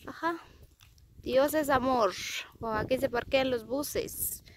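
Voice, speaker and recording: A Guatemalan woman with a high voice talks casually as a vlogger, asking simple questions. She is recorded outdoors on a handheld phone, with some faint noise around her. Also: takes it slowly. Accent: Guatemalan Spanish. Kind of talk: casual vlog chat and informal interviewing. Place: outdoors in a rural hillside yard. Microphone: handheld phone behind the camera.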